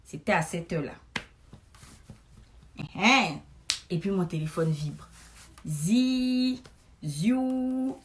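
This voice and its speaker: A woman, telling a comic story to camera in a chatty, animated way, with frequent asides to her listeners. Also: on the low side, measured pace, pauses often. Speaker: comedic storyteller.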